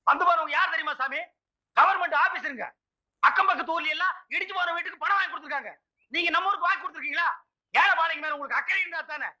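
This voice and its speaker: An actor playing a village con man in a film comedy, pleading and shouting. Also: very high-pitched, racing, muffled recording, heavily acted. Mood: accusing.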